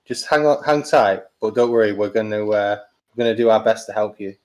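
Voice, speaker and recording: A man's voice: lowish voice, a little fast, a little mellow, natural voice. A man playing an eager swashbuckler hero. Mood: determined. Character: male swashbuckler adventurer, eager to help.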